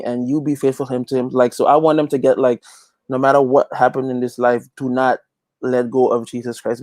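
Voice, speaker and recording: Sounding like a preacher, a Guyanese gospel reggae singer and youth pastor gives earnest, emphatic testimony during a conversational interview, often repeating phrases for effect. His voice is medium-pitched with a dark tone, and there is no echo.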